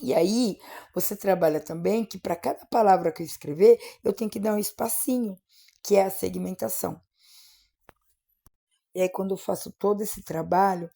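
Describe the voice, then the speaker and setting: A woman teacher patiently explaining literacy skills, stretching out example words slowly and checking in often. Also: medium pitch, gravelly, mellow.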